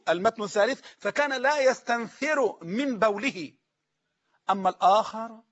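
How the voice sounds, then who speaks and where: A man preaching a sermon-style lesson with an Egyptian Arabic accent, emphatic, slowing down to repeat sayings so listeners can write them down. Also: high-pitched, a bit bright, highs cut off.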